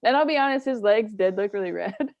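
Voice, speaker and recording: Gravelly-voiced woman, laughing storyteller. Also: medium pitch, lively intonation, a little fast, no room sound, dull audio. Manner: laughs often, acts out quoted voices. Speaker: comedian guest. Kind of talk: casual storytelling.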